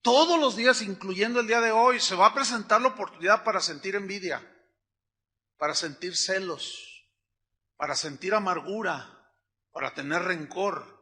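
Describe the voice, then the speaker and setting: High, bright-voiced preacher. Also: male voice, moderate pace. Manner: dramatic preacher acting out dialogues, swinging from loud to hushed. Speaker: pastor. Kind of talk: sermon.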